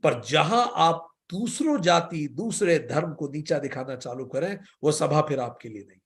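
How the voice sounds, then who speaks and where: Brief: male yoga teacher, fairly high voice, measured spiritual lecture with slow recitations. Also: expressive. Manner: teaching with stories and questions.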